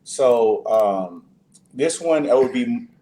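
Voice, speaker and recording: A man's voice: mid-range voice, expressive, slow pace, dark tone. A man, an actor guest in a casual interview, talking loosely with many fillers and restarts.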